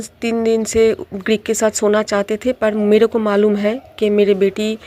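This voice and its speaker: Middle-aged woman, mid-pitched and unhurried, telling a personal story haltingly with English words mixed in. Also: a little mellow. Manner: slow, halting telling with many restarts, mixing English words into Hindi. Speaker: tarot reader.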